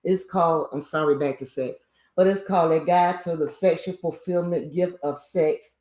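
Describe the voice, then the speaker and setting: A woman's voice: lowish voice, steady tone, moderate pace, darkish tone. Older woman, guest, rambling and chuckling, echoey room sound. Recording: roomy echo.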